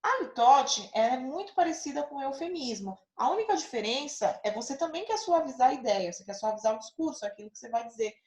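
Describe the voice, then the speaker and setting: A woman with a high, expressive voice speaks quickly, barely pausing, her tone a little mellow and the sound roomy. As a teacher, she patiently walks her listeners through figures of speech in a grammar lesson, checking in often with tag questions.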